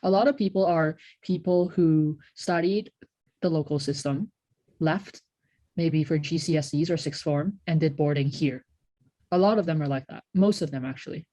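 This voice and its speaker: With a warm, low-pitched voice and no echo in the recording, this young adult woman from Hong Kong co-hosts a podcast. Her casual chat is reflective and sprinkled with "like."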